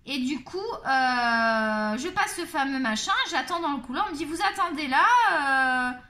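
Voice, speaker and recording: A woman's voice: sits high, animated, moderate pace, sharp tone. A middle-aged woman hosting a coloring video, chatting casually and candidly as she colors, rambling with many fillers. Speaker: coloring channel host. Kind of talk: casual chat while coloring.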